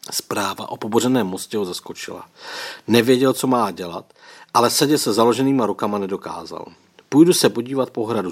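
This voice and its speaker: A man narrating a children's adventure story in a calm, scripted reading. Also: slightly rough. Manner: reads all characters himself, quotes lifted higher and louder. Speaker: audiobook narrator.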